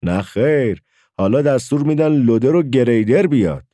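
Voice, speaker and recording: A man reading a story aloud and voicing a gruff, impatient village father who gives brusque orders. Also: medium pitch, animated, mellow, no echo, clean studio sound, pitched above the performer's own voice, natural voice. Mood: ordering. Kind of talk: audiobook character voice.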